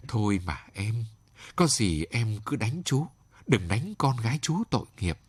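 A man's voice: fairly low pitch, very animated, moderate pace, breathy edge, no echo. A man doing a humble poor old man. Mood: pleading. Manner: gentle, pleading.

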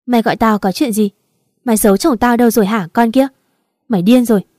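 A woman's voice: fast, a little mellow, no echo, studio quality, lightly acted. A woman voicing an angry, jealous young woman in a romance story. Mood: furious. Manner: shrill, accusing.

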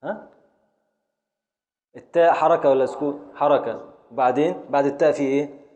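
An Egyptian Arabic male scholar raises his voice as he drills students on poetic meter in a classroom lesson on Arabic grammar and prosody, quizzing them and scanning verse syllable by syllable. His voice is fairly high, brisk and darkish, and the recording is muffled.

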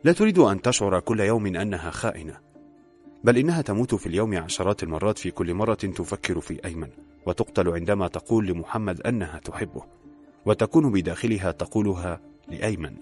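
A man narrating a romantic story aloud in a steady, measured reading. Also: low voice. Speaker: audiobook narrator. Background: soft music.

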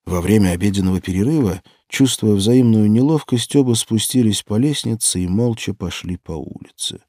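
A male audiobook narrator reads in a measured storytelling style. His voice sits low and dark, mellow in tone, recorded close in a dry room. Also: no room sound. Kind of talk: scripted narration.

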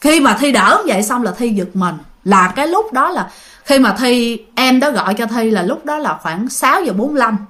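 A Southern Vietnamese woman tells a ghost story as if chatting with friends, often turning to her listeners. Her voice sits high and leaps up and down with lively energy. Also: brisk. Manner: animated, talks straight to listeners. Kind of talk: casual spoken storytelling.

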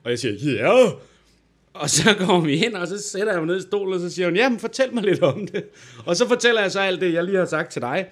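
A podcast co-host with a high voice tells a personal story casually, barely pausing. He's an animated storyteller who acts out the voices of the people he quotes.

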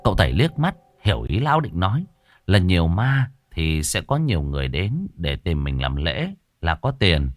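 Low, animated male storyteller. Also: moderate pace, soft background music. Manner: lively, dramatic storytelling voice. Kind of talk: ghost story narration.

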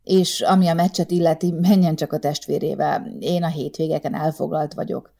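A woman reading the part of a tired, sweaty middle-aged deputy director who speaks awkwardly, clearing his throat. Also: sits low, little pitch movement, dark tone.

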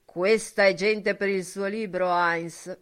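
A woman reader puts on a boisterous young prankster from a classic novel, loud and theatrical, pitching up high and swinging between bluster and mock solemnity. The voice stays teasing, with a lively, showy delivery. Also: slow, clean tone, lightly acted. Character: brash mocking young man, boisterous prankster. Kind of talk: audiobook character reading.

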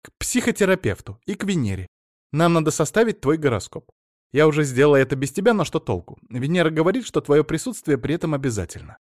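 A man's voice: a little high, big pitch swings, a little fast, no room sound, studio quality, voice pushed up. A man reading an audiobook, voicing a capricious, pampered young wife who coaxes and orders her husband about. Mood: coaxing. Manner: coaxing, bossy.

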